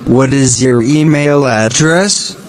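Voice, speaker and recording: Slow man reading drill questions. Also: mid-range voice, a little hiss or hum. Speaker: practice dialogue questioner. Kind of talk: scripted language-drill questions.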